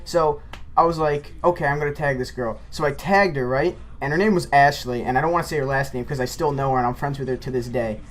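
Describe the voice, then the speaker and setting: A man's voice: medium pitch, fast. A man telling a rambling personal story as a casual gameplay commentator. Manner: rambling, animated anecdote-telling.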